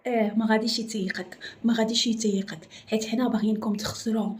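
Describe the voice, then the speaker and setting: A woman's voice: on the high side, steady tone, fast talker, a little mellow, echoey room, a little hiss or hum, pitched below the performer's own voice, lightly acted. A woman putting on a taunting Algerian guy. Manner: taunting, sing-song jeering. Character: teasing Algerian young man, spiteful.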